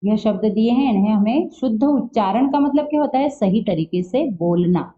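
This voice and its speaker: A woman teaching a school Hindi lesson, patiently asking questions and answering them herself, spelling words out slowly, on a dull lo-fi recording. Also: a little high, lively intonation. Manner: patient, asks and answers her own questions. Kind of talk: classroom lesson walkthrough. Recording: dull lo-fi sound.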